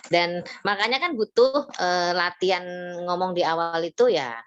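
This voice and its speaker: A woman teaching sales communication in an online workshop, lively and acting out sales pitches. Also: no echo, dull audio. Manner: lively, acts out customers and salespeople in quick voices.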